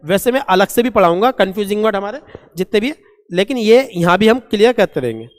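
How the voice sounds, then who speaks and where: A man teaching a vocabulary lesson, asking and answering his own questions and reading English examples out slowly. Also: sits high, expressive. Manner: asks and answers his own questions, calls students "beta". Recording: long echoing reverb.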